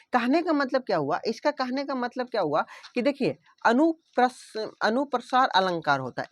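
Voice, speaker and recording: Brief: male tutor, fairly high voice, dry close sound, call-and-response drilling for exam prep. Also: no echo. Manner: repetitive call-and-response questioning, answers own questions; mixes English definitions into explanation. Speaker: teacher. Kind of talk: exam-prep vocabulary lesson.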